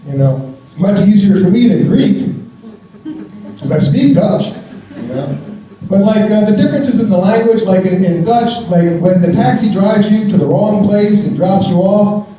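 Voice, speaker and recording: An American man does stand-up on stage before a live audience, wry and conversational, chuckling at his own jokes. His voice is high and dark-toned at a normal speed. The sound is roomy like a theater, with the mic set at a distance.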